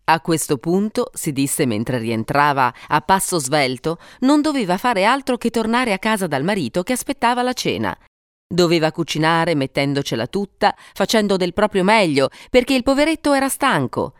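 A woman narrating a story for an audiobook, reading expressively with dramatic pauses. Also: on the low side, big pitch swings, smooth, no room sound, clean studio sound. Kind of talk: scripted narration.

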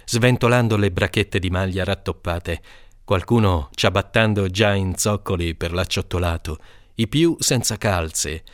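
A man reading a literary short story aloud in a measured, calm voice, lifting into high voices for the children's shouts. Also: dry recording, studio quality. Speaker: audiobook reader.

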